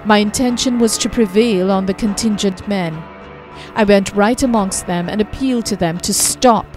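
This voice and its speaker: Woman narrator voicing male police superintendent, colonial era, measured reading, music underneath. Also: mid-range voice, a little mellow, lightly acted.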